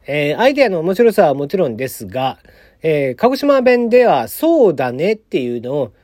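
A man's voice: on the high side, big pitch swings, brisk, a little mellow, no room sound, clean studio sound. A man hosting a casual solo podcast, reading out a news item and commenting on it, with many "uh" fillers and wry asides. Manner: chatty, many "uh" fillers, wry asides, chuckles at his own jokes.

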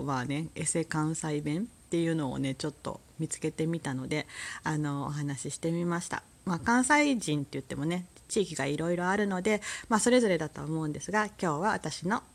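A woman with a Kansai accent chatting alone on a podcast, relaxed and rambling, laughing often. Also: deep voice, normal speed, vocal fry. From Kansai, Japan. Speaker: solo podcast host. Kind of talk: casual solo talk.

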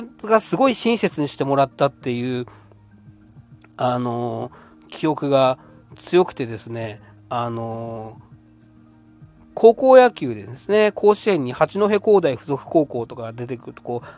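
A man in his fifties hosts a solo podcast and spins a personal anecdote at an unhurried pace. His delivery is loose and chatty, full of little fillers and restarts. His voice sits at an ordinary middle pitch, with faint music behind it. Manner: relaxed and rambling, with frequent fillers. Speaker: podcast host. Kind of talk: casual storytelling monologue.

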